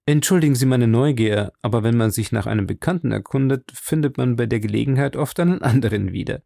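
A man voicing a shrewd, calm detective who speaks measured and thoughtful. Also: medium pitch, vocal fry, no room sound, studio quality, close to an everyday voice. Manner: measured, thoughtful, quietly probing.

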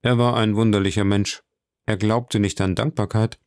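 A man voicing a mysterious nobleman who answers in a measured, solemn way in an audiobook reading. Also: on the low side, fairly even intonation, a little mellow, no echo, studio quality, natural voice. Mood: grave. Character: mysterious noble count, grave and composed.

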